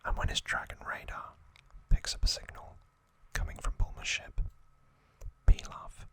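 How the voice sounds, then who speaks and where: A male ASMR host recaps trivia in a soft, breathy whisper with no voicing, adding halting, casual asides.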